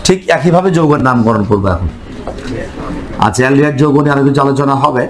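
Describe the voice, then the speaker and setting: A man's voice: medium pitch, expressive, quick pace, crowd noise, rough recording. Male teacher quizzing his class. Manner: quizzing the class with repeated questions. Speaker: chemistry teacher. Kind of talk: classroom lecture.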